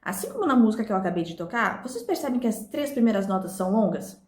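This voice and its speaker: A woman's voice: mid-range voice, sing-song, quick pace, darkish tone, roomy sound. A woman teaching a recorded lesson to her viewers, explaining step by step and speaking to them directly. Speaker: literature teacher.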